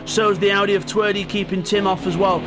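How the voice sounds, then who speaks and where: A man's voice: high voice, level tone, a little fast, music in the background. A man giving live play-by-play motorsport commentary on an online sim racing event. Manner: play-by-play calling of the on-track action.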